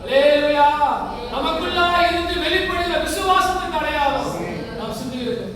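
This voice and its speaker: A woman's voice: very high voice, moderate pace, crowd noise. A woman preacher giving a fervent sermon, often saying hallelujah and asking the congregation questions. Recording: echoey hall, voice far from the mic.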